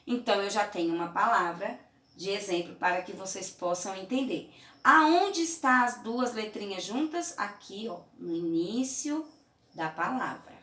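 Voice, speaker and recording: Woman, Brazilian teacher, slow, patient, roomy echo, distant mic. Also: mid-range voice, lively intonation, fairly bright tone. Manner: patient, slow, repeats "tá?" and "certinho?" often. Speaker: primary school teacher. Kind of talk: remote lesson for young children.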